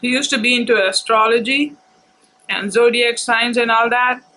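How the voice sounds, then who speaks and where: A woman vlogger telling personal stories casually, in a halting, reflective, unhurried way. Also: a little high, steady tone, pushed and bright, low-quality recording.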